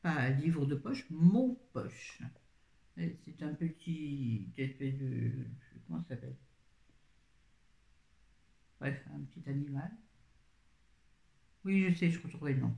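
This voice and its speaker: A woman's voice: very deep voice, a little slow, vocal fry, pauses often, mellow. An older woman talks into her phone on a casual live video, reviewing a book. She rambles and drifts off topic easily, then loops back to her point. Her voice bounces around an echoey room. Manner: chatty, rambling, easily sidetracked.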